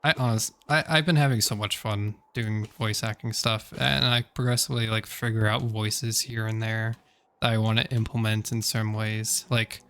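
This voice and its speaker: A man's voice: on the low side, fairly even intonation, normal speed, a bit bright, smooth. Rambling man chatting on stream. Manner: rambling, self-correcting, many fillers. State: slightly sore throat. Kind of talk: casual gaming stream chat.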